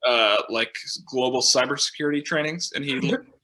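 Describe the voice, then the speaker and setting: A man's voice: medium pitch, brisk, sharp tone. A man with a Minnesota accent, a podcast guest on a video call, chatty and self-mocking. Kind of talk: casual podcast chat.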